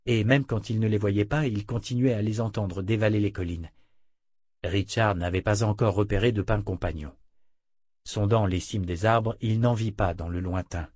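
A man narrating a fantasy audiobook in a measured, even reading. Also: on the low side, dry recording, studio quality.

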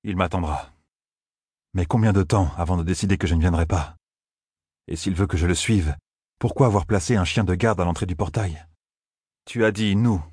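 A man's voice: low-pitched, husky, no echo, studio quality. A man voicing a resolute young hero who speaks with determined, earnest delivery, in a fantasy audiobook.

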